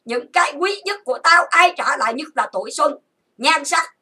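A woman's voice: high-pitched, animated, moderate pace, pushed and bright, far from the mic. A woman hosting her own channel, delivering an angry, accusatory rant full of insults and repeated lists. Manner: accusatory, insulting, repetitive listing. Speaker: channel host. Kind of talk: angry ranting monologue.

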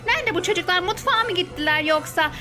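A woman's voice: extremely high pitch, lively intonation, fast talker. A woman playing a mother in toy role-play for children, with exaggerated, playful gasps of fear. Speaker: mother playing with her daughter on a kids' channel.

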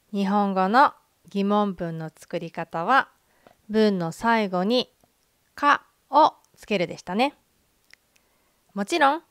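Woman teaching Japanese grammar, clear voice. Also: mid-range voice, dry recording, studio quality. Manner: clear, measured explanations with English example phrases. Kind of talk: scripted online grammar lesson.

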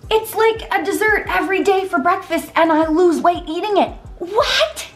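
Woman, 30s, high bright pitch, casual cooking vlogger, home kitchen, camera close. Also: animated, moderate pace. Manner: chatty, upbeat, talks while cooking. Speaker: vlogger sharing meal prep. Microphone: handheld camera held close.

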